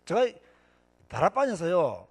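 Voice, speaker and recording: Preaching to church officers, this male pastor speaks a little slowly in a husky, high-set voice whose pitch swoops wildly. He repeats each point to drive it home, keeps firing questions at the congregation, and calls himself hot-tempered and impatient.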